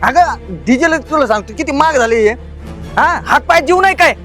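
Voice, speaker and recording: Man acting as a bullying son, shouting, scolding, high voice, quick speech. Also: animated, soft background music. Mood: angry scolding. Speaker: angry son throwing out his father. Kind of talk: village family drama acting.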